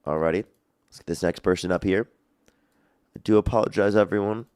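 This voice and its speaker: A man hosting a livestream debate, screening callers in a fast, repetitive patter. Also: low voice, fairly even intonation, a little mellow, smooth. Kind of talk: casual livestream talk.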